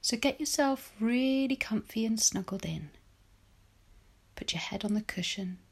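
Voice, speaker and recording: Female meditation guide: hushed, airy spa whisper, leisurely and soothing, leaving long pauses between gentle instructions. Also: fairly high pitch, expressive. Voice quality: breathy, whispery.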